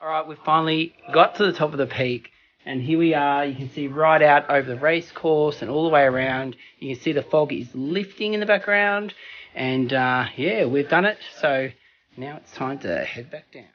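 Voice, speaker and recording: A man hosting a casual travel vlog outdoors, chatty and excitable, out of breath from climbing. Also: on the high side, normal speed, muffled recording. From Australia. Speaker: travel vlogger. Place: outdoors on a rocky hill. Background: music.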